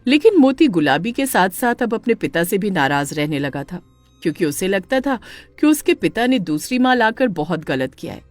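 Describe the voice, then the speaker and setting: Expressive woman narrating a cartoon story. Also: mid-range voice, no echo.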